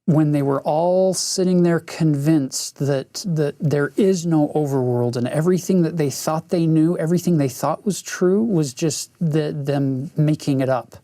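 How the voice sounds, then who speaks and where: A man teaching a lesson, explaining a story with halting restarts before reading from it. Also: on the high side, dark tone, dry recording, studio quality. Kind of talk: scripture-class lesson, reading aloud.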